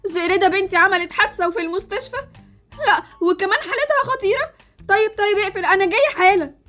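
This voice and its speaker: A doting, anxious Egyptian mother, voiced by a woman, who pleads frantically. Her voice is very high and races along, with light music beneath. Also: fast, bright, forceful tone. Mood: frantic. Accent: Egyptian Arabic. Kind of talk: Roblox series voice acting.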